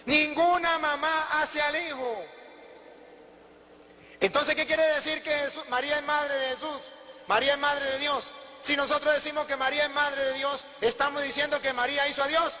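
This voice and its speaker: Man preaching, emphatic, quizzes and answers himself, very high forceful voice, reverberant hall. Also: level tone, a little fast. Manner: emphatic, asks questions and answers them himself. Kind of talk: sermon.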